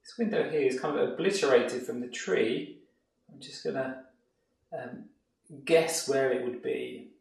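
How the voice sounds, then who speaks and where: A man, an art tutor, explaining painting steps in a relaxed way as he works. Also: mid-range voice, a little slow, gravelly, long pauses, far from the mic. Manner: relaxed, explanatory, thinking aloud while painting. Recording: very echoey room, off-mic.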